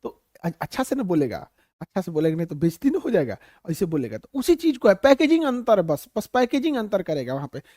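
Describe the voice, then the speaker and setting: A man from Bihar with a Bihari Hindi accent, teaching a class in an animated, humorous way and calling his students "babu". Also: sits high, fast, no echo, studio quality. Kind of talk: classroom lecture.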